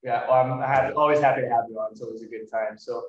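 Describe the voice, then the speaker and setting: A fast-talking man with a mid-range voice and fairly even intonation hosts an interview podcast, chatting casually in a hesitant, rambling, self-deprecating way. It was recorded in person indoors, with the microphone some distance away and no windscreen. The room is echoey and the sound comes across distant and dull.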